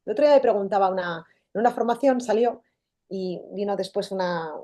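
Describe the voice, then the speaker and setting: Woman with a mellow, warm voice. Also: medium pitch, a little fast. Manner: animated, acts out quoted dialogue. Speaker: guest author. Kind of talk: conversational interview.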